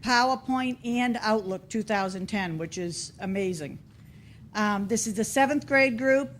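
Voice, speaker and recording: In a school board meeting room, a school staff member with a Boston accent and a fairly high voice presents student awards. She reads the roll call in an unhurried, formal way, announcing each name separately, with a little hiss or hum on the recording.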